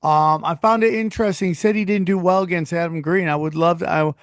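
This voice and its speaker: A man's voice: high voice, fairly even intonation, fast, smooth, dry recording. Rambling podcast host man, dry mic. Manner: loose, rambling, plugs his live dates. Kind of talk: casual podcast chat.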